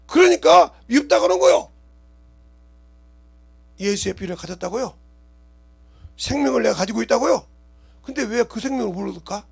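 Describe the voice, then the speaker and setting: A middle-aged man, a pastor, preaching a sermon that swings between loud shouting and quiet murmuring and often asks the congregation questions. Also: high-pitched, vocal fry, breathy edge.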